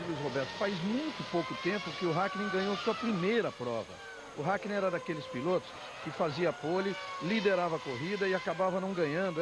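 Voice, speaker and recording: Brazilian male motorsport analyst, fairly high voice. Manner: explanatory, rambling anecdotal detail. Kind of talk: unscripted race analysis. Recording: engine noise behind voice. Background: race cars and trackside ambience.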